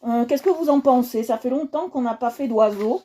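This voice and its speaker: A woman's voice: fairly high pitch, moderate pace, warm tone. A woman hosting a casual coloring livestream, chatty and talking straight to her viewers, often repeating herself.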